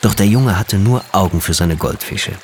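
A man reading a children's storybook aloud with gentle, lively storytelling. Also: low voice, moderate pace, slight background noise.

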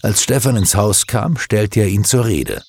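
Slow, expressive male storyteller. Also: fairly low pitch, background noise. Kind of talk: reading a children's story aloud.

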